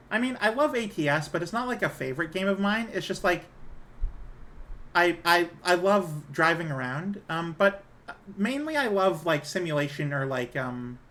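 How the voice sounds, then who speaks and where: A woman with a low-set feminine voice chatting casually on a livestream, hesitant, apologetic and self-conscious in her manner. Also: fairly bright tone. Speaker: live streamer.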